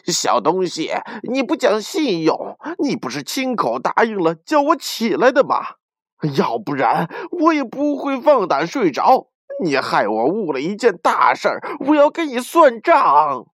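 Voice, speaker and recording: A man voicing a grumpy, quick-tempered old male cat that meows as it talks. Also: medium pitch, very animated, gravelly, dry recording, studio quality, heavily acted. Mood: furious. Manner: meowing, shouting angrily.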